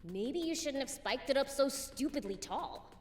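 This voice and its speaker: Bold young game heroine, sharp tongue, high lively voice, echoey. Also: female voice, moderate pace. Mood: teasing. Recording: echoey hall, game music behind.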